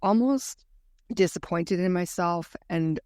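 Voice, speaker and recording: A woman's voice: on the low side, takes it slowly, darkish tone, dry recording, clean studio sound. A woman guest telling her story candidly in a conversational interview. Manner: earnest, candid recounting.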